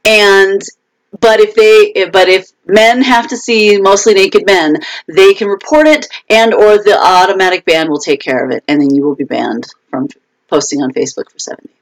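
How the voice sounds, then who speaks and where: A woman's voice: mid-range voice, normal speed, rough recording. A woman author chatting casually on her own live video stream, talking through frustrations with fillers and restarts.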